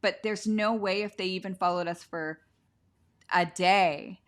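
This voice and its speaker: Seated on her floor at home, this Canadian podcast host interviews a guest by video call in a warm, chatty way, full of gushing enthusiasm, laughter, and frequent "like"s. She speaks at a measured pace in a steady, medium-pitched tone.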